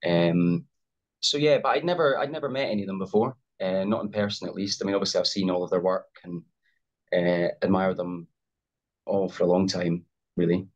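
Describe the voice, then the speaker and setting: A young actor from Scotland, low-voiced with a steady tone, speaks a little fast as a guest in a casual video call interview. He hesitates a lot, using many fillers and restarting often. The audio is the dull, lo-fi sound of a video call.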